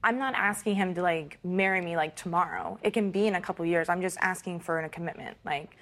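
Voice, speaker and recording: A young woman in her twenties from Ohio, making her case in front of a court show judge, talking fast with lots of "like". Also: lowish voice, fairly bright tone. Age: 20s. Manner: fast, full of "like", frustrated. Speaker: litigant.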